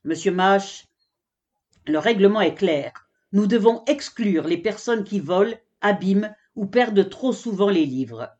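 A woman's voice: medium pitch, lively intonation, a little slow, a little mellow, highs cut off, natural voice. A woman voicing a strict, exasperated female giraffe librarian in a children's storybook. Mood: stern. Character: stern proper giraffe librarian, female adult.

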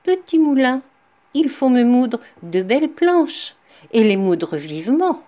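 A woman voicing a poor, generous woodcutter in a spoken fairy tale, calling out loud and cheerfully. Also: high voice, very animated, takes it slowly, full character voice.

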